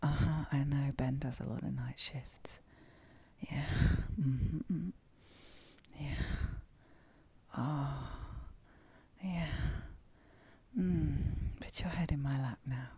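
Woman, intimate whispering, very slow, breathy, dark mellow tone. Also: extremely low pitch. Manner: intimate whispering, soft moans. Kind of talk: whispered audio roleplay.

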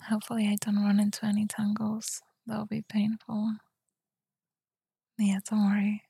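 A woman whispering softly in a tender, soothing ASMR roleplay, speaking close to the mic. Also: medium pitch, completely flat delivery, dry recording. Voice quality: breathy whisper. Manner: soft, tender and soothing, slow murmurs. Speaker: girlfriend roleplayer.

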